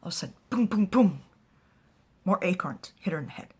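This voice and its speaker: Husky, breathy woman storyteller. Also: fairly low pitch, brisk. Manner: animated, often dropping to a whisper. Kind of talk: spoken fantasy storytelling.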